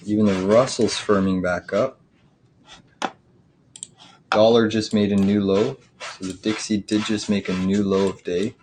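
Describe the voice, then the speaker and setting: A man's voice: fairly low pitch, flat delivery, unhurried, pauses often, a little mellow. A man hosting a live trading stream with casual running market commentary. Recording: faint noise, clicking and scratching behind. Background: cat scratching, clicking.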